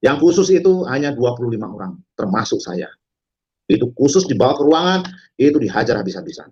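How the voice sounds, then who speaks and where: A man telling his story to an audience in a dramatic testimony, halting with many fillers and breaking into loud quoted shouts. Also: mid-range voice, sing-song, breathy edge, highs cut off. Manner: halting, frequent fillers and restarts. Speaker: testimony speaker. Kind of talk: dramatic spoken testimony to a congregation.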